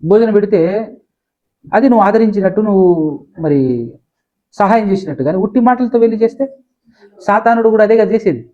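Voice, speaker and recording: A man's voice: high-pitched, fairly quick, pauses often, mellow. A man preaching a sermon as pastor, explaining scripture in plain everyday speech and homely stories. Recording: dull lo-fi sound.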